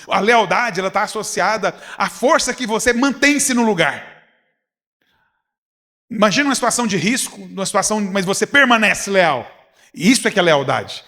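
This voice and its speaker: A man preaching with a Goiás Brazilian Portuguese accent, his voice sitting a touch high for a man. He talks to his listeners conversationally, acts out short exchanges and keeps asking them questions. A long reverb trails behind him, as in a large church hall. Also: fairly bright tone. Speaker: pastor. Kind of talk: sermon at a leaders' retreat.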